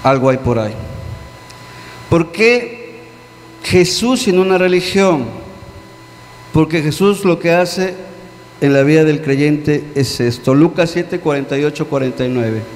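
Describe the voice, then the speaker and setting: A high-pitched man preaches an earnest sermon, pressing his listeners with questions and sinking low on key words. His voice rings with a long reverb through a church hall, over a faint electrical hum. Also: measured pace, pauses often. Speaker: pastor.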